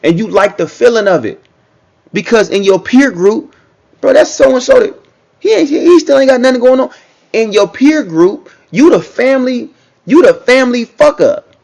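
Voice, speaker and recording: A man's voice: very high voice, expressive, moderate pace, vocal fry, darkish tone. A man giving casual reaction commentary, talking in a loose, repetitive way and often checking in with the listener. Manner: conversational, repeats himself, frequent "you know what I'm saying".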